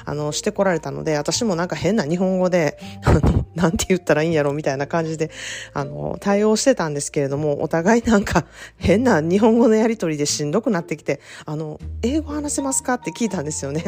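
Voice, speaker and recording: Low-voiced woman with an Osaka accent. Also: fast talker. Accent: Osaka Kansai dialect. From Japan. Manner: relaxed storytelling with frequent fillers and small laughs. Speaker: podcast host, self-care consultant. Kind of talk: casual chatty monologue.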